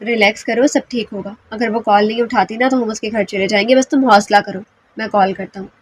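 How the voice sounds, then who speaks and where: A woman voicing a worried older father who reassures his wife calmly. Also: mid-range voice, a little fast, breathy edge, natural voice. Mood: reassuring.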